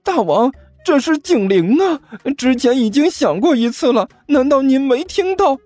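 A man's voice: very high voice, sing-song, moderate pace, a little mellow, no echo, faint music behind, pitched above the performer's own voice, exaggerated voice. A man doing a stammering, fawning servant. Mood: nervous. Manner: stammering, nervous, deferential. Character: timid fawning male underling, stammering servant.

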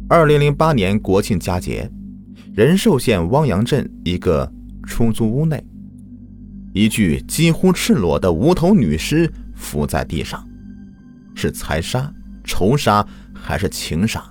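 A man's voice: fairly low pitch, very animated, a little slow, darkish tone, soft background music. A man narrating true crime from a script as a host, in a dramatic storytelling manner. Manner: dramatic storyteller with rhetorical questions.

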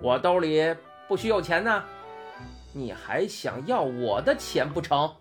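A woman putting on a gruff, bullying cart driver. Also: sits low, sing-song, a little slow, faint music behind, voice pushed down. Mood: rough, scornful. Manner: gruff and scornful. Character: rude, bullying adult male cart driver.

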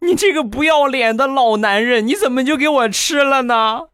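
A man voicing a greedy, whiny little boy nephew with a shrill, squealing voice. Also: moderate pace, fairly bright tone, dry recording, studio quality. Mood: furious. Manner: shrill, squealing, then wheedling.

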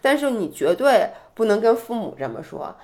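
A young woman with a fairly high voice chats casually on a podcast. Her pitch jumps around a lot as she tells stories. She slips into quoting her family in a raised, animated voice. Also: moderate pace. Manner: animated storytelling, acts out quoted parents with a raised voice. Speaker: podcast co-host. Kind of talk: casual chat.

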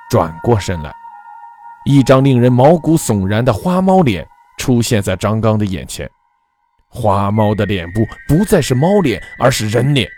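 Male narrator for a spooky folk tale, expressive and animated, faint music underneath. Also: medium pitch. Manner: measured, dramatic storytelling. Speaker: storyteller. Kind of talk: scripted ghost story narration.

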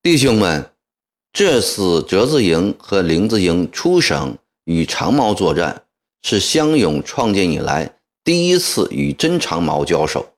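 A man reading an audiobook voices a stern middle-aged male commander who gives a loud, formal speech to massed soldiers. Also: deep voice. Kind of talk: audiobook character voicing.

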